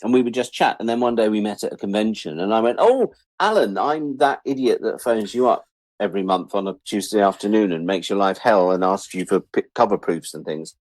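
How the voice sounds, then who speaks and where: This low-voiced English man in his sixties, an interview guest who writes and edits, talks fairly quickly with no echo. His casual, anecdotal storytelling is animated and self-deprecating, with quoted remarks acted out.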